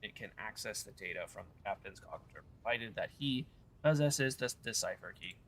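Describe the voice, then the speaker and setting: A man voicing a stiff, formal male machine servitor with a put-on Spanish accent, reading slowly and haltingly. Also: fairly low pitch, animated, a bit bright, a little hiss or hum.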